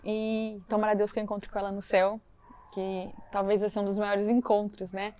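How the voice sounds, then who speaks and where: A woman from Brazil, a missionary guest on a podcast, telling her story lively and acting out the dialogue. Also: mid-range voice, moderate pace, smooth. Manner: animated storytelling, acts out quoted dialogue. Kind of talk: storytelling interview.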